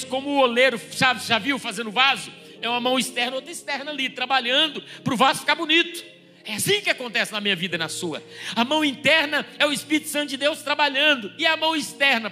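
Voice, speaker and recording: A man preaching in church with a high, bright voice, talking fast and animatedly with a joking tone. Soft music plays faintly behind him. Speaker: pastor. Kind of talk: sermon.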